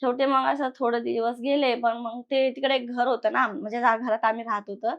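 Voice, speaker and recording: Woman, young adult, guest storyteller, casual horror retelling, fairly high voice. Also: a little fast, lo-fi sound. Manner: conversational, animated retelling with quoted voices.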